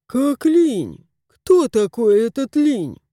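A woman voicing a lazy, smug, spoiled male house cat in a storybook, drawling slowly. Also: on the high side, sing-song, warm tone, no room sound, studio quality.

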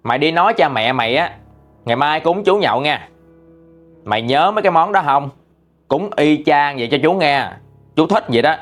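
A man plays a gruff ghost of a dead uncle who keeps demanding drinking snacks, in a narrated story. He talks in a plain, everyday voice, calling the child in a rough, bossy way. Faint music plays underneath. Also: fairly high pitch, expressive, normal speed, pauses often, fairly bright tone.

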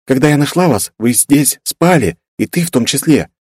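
A man voicing a gentle young woman. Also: medium pitch, animated, normal speed, slightly rough, no echo, clean studio sound, voice pushed up. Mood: thoughtful. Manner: soft, hesitant, earnest. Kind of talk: audiobook character voice.

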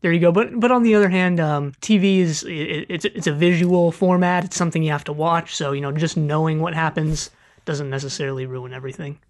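A man's voice: a little high, fairly quick. A young man with a Californian accent, co-hosting a podcast in casual chat, laughing often and hesitating with fillers. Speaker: podcast co-host.

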